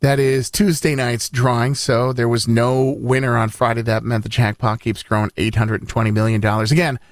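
A man's voice: medium pitch, flat delivery, brisk, dry recording. Conversational male radio host, dry studio sound. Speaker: morning radio news host. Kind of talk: conversational news reading and banter.

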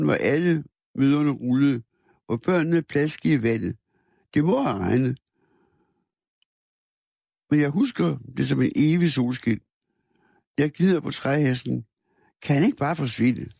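A man narrates a first-person story in a measured, somber reading voice. His tone sits a little high for a man and carries a gravelly, creaky texture. The sound is close and dry, with no room around it. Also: darkish tone, no room sound. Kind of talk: first-person literary narration read aloud.

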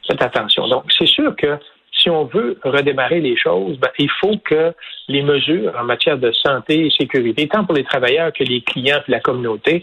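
Husky Québécois businessman on a dull line. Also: fairly high pitch. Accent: Québécois French. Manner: deliberate, many fillers and restarts, enumerating points. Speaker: business association president, guest. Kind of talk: radio interview, explaining policy.

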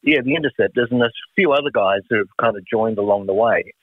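A man in his sixties with an Australian accent reminisces casually as a musician guest on a phone call, heard over a narrow phone line. He talks fast in a fairly low voice, with no echo.

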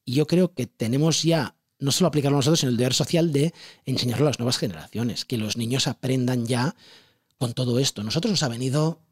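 A man with a Spain Spanish accent explains his ideas as an interview guest, chatty and animated. His voice is a bit husky, and he talks at a quick clip. The sound is dry and close. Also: mid-range voice, dry recording. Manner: animated, chatty, asks rhetorical questions. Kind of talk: casual explanatory interview talk.

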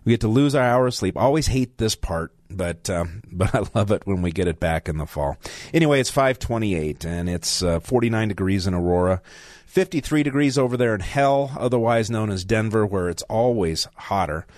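A man's voice: on the low side, lively intonation, normal speed, a little mellow, no echo. An older man guest hosting a talk radio show, chatting in a rambling way with asides. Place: radio studio. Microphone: studio mic.

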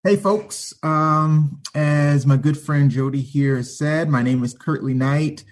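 A man's voice: a little high, steady tone, slow pace. Friendly chuckling man podcast guest. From Canada. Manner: friendly, chuckling, many ums and uhs. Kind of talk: casual chat.

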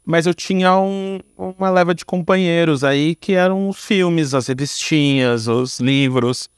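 A screenwriter in his thirties or early forties with a Brazilian accent speaks informally as a podcast guest, explaining and telling stories and frequently using tag words. His voice is a little high, clean and unhurried. The studio-quality recording is dry.

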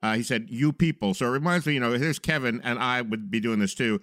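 A man's voice: medium pitch, quick pace, no room sound, clean studio sound. A man hosting a radio talk show in an upbeat, joking way. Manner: upbeat, animated, jokey.

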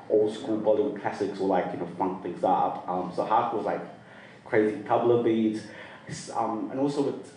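A man born in the UK and raised in Sri Lanka tells his own story as a guest at a live storytelling night, rambling casually and laughing easily. His voice is fairly low and darkish, recorded off-mic from a distance with a roomy echo and slight background noise.

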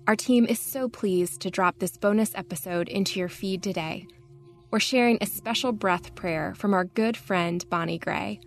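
A woman's voice: mid-range voice, moderate pace. A woman producer delivering a scripted podcast introduction in a friendly, polished announcing manner. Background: music.

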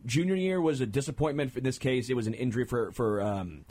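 A man co-hosting sports talk radio, ranting casually and jumping into high outbursts. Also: quick pace. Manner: animated, ranting, jumps into high-pitched outbursts.

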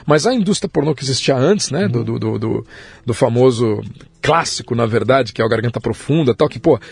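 A man chatting as a podcast guest, animated and swearing freely, his pitch jumping up when he stresses a point. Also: fairly quick, vocal fry, breathy edge. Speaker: guest, musician and writer. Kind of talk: casual podcast chat.

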